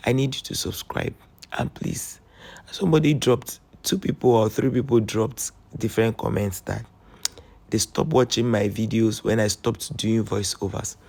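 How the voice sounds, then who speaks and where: A Nigerian man narrates his travel vlog in a voice that is hoarse and strained. His tone sits low, with a gravelly fry running through his words. He talks in an earnest, chatty way and pleads openly with his viewers. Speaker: travel vlogger.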